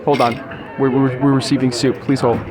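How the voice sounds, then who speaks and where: In a mid-range voice, flat and fairly quick, a young man reads his mock-formal, grandiose, wordy podcast script. He's recording inside a sushi restaurant, surrounded by busy chatter.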